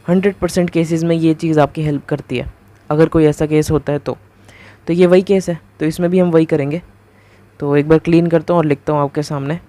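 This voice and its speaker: A man giving a casual math lecture, talking through each step as he writes and keeps asking the viewer quick rhetorical questions. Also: a little high, steady tone, mellow. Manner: talks through each step while writing. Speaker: math teacher.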